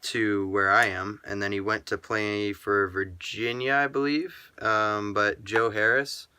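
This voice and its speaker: A man with a lowish voice and a sharp, bright edge talks slowly through a vlog, showing his cards. His delivery is rambling and laid-back, padded with plenty of ums and uhs, and he sometimes talks to himself. His tone is smooth and clear, close and dry, with no room sound around it. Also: steady tone, no echo. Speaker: sports card collector showing his cards. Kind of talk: casual vlog chat.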